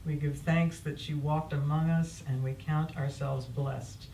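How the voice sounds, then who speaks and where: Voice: medium pitch, steady tone, a little slow, warm tone. Solemn memorial officiant in an echoey room. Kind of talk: solemn memorial closing words and prayer. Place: echoey indoor memorial service space. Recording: distant mic in echoey room, faint noise.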